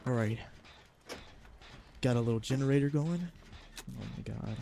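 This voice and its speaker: A man's voice: mid-range voice, moderate pace, gravelly, mellow. A young man with a stuffy, congested voice giving casual gameplay commentary, boasting jokingly about his skill and swearing when things go wrong. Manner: self-mocking, joking boasts, swearing in panic. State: congested from a cold. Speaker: gaming video creator. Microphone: desk mic. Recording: game music playing behind voice. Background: game music.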